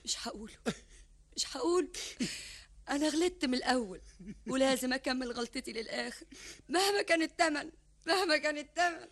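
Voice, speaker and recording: A weary, wistful wife in an Egyptian radio play. She speaks high and quick, with quiet insistence. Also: expressive. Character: weary wife Kawthar, longing to leave. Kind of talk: classic Egyptian radio drama acting.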